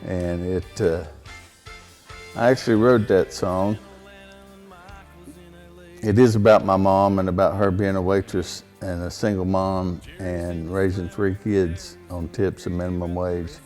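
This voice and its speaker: A songwriter with a baritone voice guests in a casual interview, plainspoken and rambling with frequent fillers and restarts. His tone is level and darkish, his pace measured, with soft background music.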